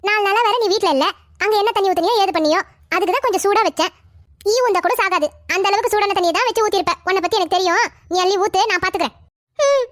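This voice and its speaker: A woman's voice: very high-pitched, fast, no echo, clean studio sound. A bossy cartoon mother-in-law. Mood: scolding. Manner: scolding, dismissive, talks over others. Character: bossy older mother-in-law, sharp-tongued and stubborn. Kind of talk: cartoon family drama voicing.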